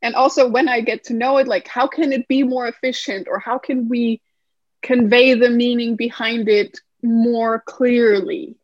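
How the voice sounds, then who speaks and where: Higher-voiced woman from Denmark, dry sound. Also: fairly even intonation, measured pace, no echo, highs cut off. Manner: thoughtful, explanatory, many fillers. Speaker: podcast guest, numerologist. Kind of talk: podcast interview.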